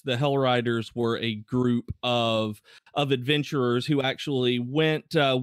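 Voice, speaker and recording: A man narrating as game master in a relaxed, casual way, with frequent fillers and restarts. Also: medium pitch, smooth, no room sound, studio quality.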